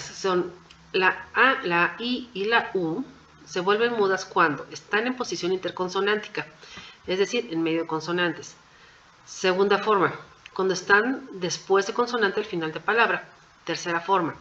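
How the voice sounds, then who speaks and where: A woman's voice: medium pitch, a bit bright, lo-fi sound. A woman teaching a language class, going through exam answers point by point in a patient, methodical way and often checking in with the class.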